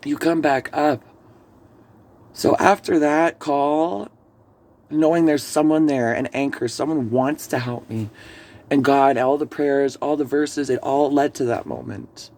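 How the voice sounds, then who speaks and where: A man speaks straight to his viewers in a gravelly voice with some vocal fry. He tells his personal testimony in an earnest, emotional way, rambling and circling back as he goes. His voice sits at an ordinary middle pitch for a man. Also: steady tone, unhurried, darkish tone. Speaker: vlogger sharing his story.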